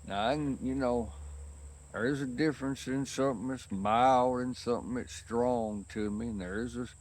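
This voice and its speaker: Outdoors on a windy day, a sweaty, exhausted pipe-smoking vlogger chats about his pipe in folksy rural fashion. His voice is mid-range and darkish, at a moderate pace.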